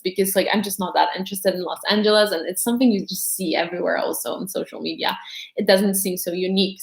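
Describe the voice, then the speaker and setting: In a roomy-sounding space, a young woman vlogger with a mid-range voice takes viewer questions in a laid-back livestream. Her mixed English accent tilts American, and her answers ramble chattily, full of "like."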